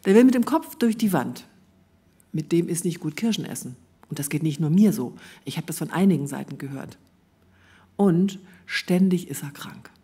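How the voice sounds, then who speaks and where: A woman reading aloud from her own prose at a literary event, calm and measured, giving the quoted dialogue a light touch. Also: on the low side, slightly rough. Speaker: author reading from her work. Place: event venue.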